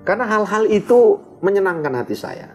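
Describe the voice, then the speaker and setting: A man as an interview guest, telling a personal story in an expressive, animated way. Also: high-pitched, moderate pace, faint music behind.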